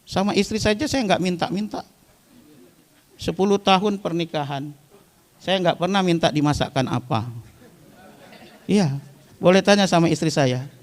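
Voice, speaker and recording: A male preacher in his thirties with a voice sitting somewhat above the usual male pitch. He tells stories in a relaxed, chatty way and keeps turning to his live congregation as he talks. The talk mixes religious teaching with humor. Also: moderate pace, long pauses, in a large hall. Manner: chatty storytelling, often addressing the listeners directly. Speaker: Islamic preacher. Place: weekly study gathering before a live audience.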